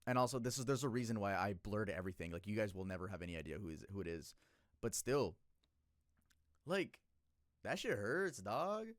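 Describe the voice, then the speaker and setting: A man in his twenties, a streamer casually telling a story to his chat, emotional and profane, jumping between loud outbursts and low muttering. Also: very animated, brisk, dry recording, studio quality. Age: 20s.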